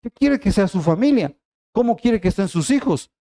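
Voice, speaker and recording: A man's voice: high voice, animated, normal speed, dark tone. A middle-aged man preaching a sermon, emphatic and repeating key phrases as he speaks straight to the congregation. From Ecuador.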